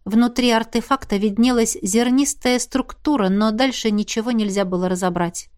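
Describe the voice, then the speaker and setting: A woman giving scripted fantasy narration in an even, measured storytelling manner. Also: a little high, clean tone. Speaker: audiobook narrator.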